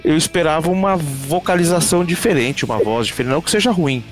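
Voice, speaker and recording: A man co-hosting a casual music review, animated and slangy in his speech. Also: on the high side, fast talker. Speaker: co-host.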